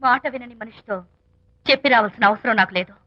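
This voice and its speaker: A woman's voice: on the high side, fast talker, close to an everyday voice. An actress playing a proud, jealous young wife who snaps back at her husband in an old film scene. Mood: indignant. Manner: indignant, cutting retorts. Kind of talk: 1990s film dialogue. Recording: muffled film soundtrack with music.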